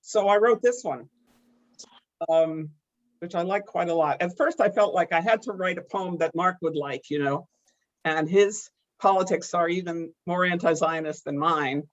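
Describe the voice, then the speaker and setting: A woman poet reading her work aloud in a slow, measured, deliberate way over a video call. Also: lowish voice, highs cut off. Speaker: poet and small-press founder. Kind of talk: poetry reading.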